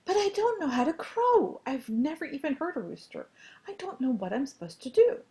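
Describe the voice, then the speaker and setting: A woman's voice: sits high, very animated, normal speed, dark tone, pitched above the performer's own voice. A woman voicing an anxious young male rooster in a storybook read-aloud, sounding worried and gloomy. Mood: fretful.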